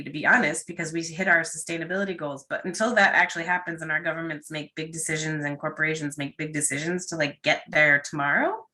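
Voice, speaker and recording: A woman's voice: sits low, bright, forceful tone. A woman speaking as the guest in a casual online panel discussion, enthusiastic, with plenty of ums and likes. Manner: enthusiastic, talks with fillers.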